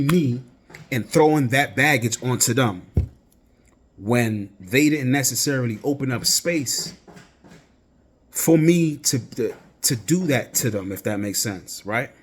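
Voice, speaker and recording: A young man hosting his own podcast, talking casually and reflectively, rambling with restarts and frequent "right?". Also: medium pitch. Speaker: podcast host. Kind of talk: casual solo podcast talk.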